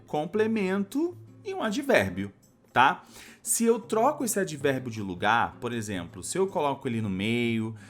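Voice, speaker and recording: A man walks through a grammar lesson for exam candidates, taking each point step by step. His pitch rises and falls a lot as he checks in with his listeners. A faint bed of music plays under his voice. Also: a bit bright. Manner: explains step by step, often adds a checking "tá?". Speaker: grammar teacher.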